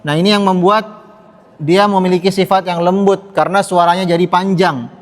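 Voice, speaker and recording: A man's voice: sits high, fairly even intonation, moderate pace. A male Quran teacher, patiently explaining tajwid rules to a class and repeating the sounds for them to echo. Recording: long reverb in a hall.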